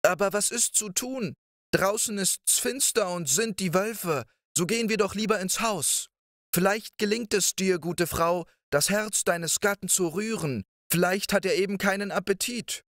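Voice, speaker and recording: A man voicing a tiny, clever and brave boy in a storybook fairy tale, speaking high and earnest. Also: unhurried, fairly bright tone, no room sound, studio quality.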